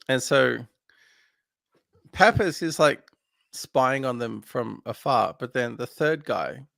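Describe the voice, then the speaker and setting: A man's voice: mid-range voice, gravelly, fairly bright tone, dry recording. A man co-hosting a casual film podcast, recapping scenes in a rambling way with lots of fillers. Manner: rambling recap with many fillers, laughs easily. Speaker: podcast co-host.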